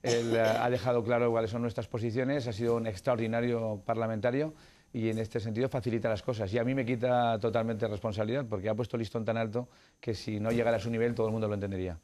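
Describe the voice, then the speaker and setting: A man's voice: mid-range voice, level tone, quick pace, darkish tone. A middle-aged man who is a political candidate, giving formal, argumentative interview answers with frequent hesitant fillers.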